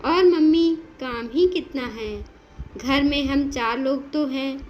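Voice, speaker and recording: A woman's voice: high-pitched, takes it slowly, lo-fi sound, slight background noise. A woman voicing a shy, eager young new bride who speaks politely and earnestly in a storybook tale.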